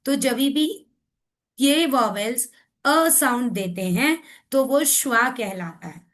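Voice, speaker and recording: A woman's voice: high voice, animated, slow pace. A woman, training teachers in phonics and patiently explaining, often checking that everyone follows. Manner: mixes Hindi and English. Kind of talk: online phonics training lesson.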